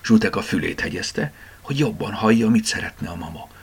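Guy reading a bedtime story, husky low voice, super lively. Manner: lively, expressive.

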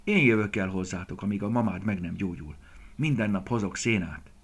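A man voicing a kind, eager young schoolboy in a storybook, speaking brightly and sometimes whispering gently. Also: on the low side, husky.

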